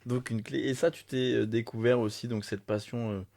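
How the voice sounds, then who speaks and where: A man hosting an interview, relaxed and encouraging, prompting his guest with short acknowledgements and follow-up questions. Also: medium pitch, moderate pace. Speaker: podcast host.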